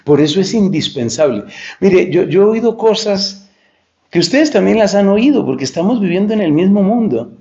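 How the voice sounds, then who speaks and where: A man giving an animated, joking lecture-style talk as a friar preacher, who searches for words and mocks the voices he quotes. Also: sits high, normal speed. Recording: echoey lo-fi room recording.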